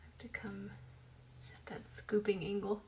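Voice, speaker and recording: Speaking in a monotone at a moderate pace, this young woman has a medium-pitched, darkish voice. She does a casual makeup tutorial at home, chatting while she works and teasing herself along the way.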